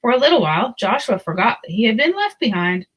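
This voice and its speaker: A woman's slightly rough, somewhat high voice carries a children's storybook reading, told in an expressive and deliberate storytelling manner.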